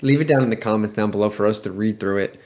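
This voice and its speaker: A man's voice: fairly low pitch, fast, darkish tone. A man co-hosting a podcast in casual chat, talking in a slangy, exclamatory way. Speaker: podcast co-host.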